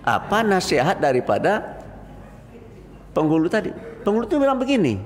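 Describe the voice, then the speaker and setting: An older Indonesian man gives a lively after-dawn mosque sermon, telling stories and acting out the voices he quotes. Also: high-pitched, moderate pace. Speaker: preacher. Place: mosque hall. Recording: reverberant mosque hall, faint noise.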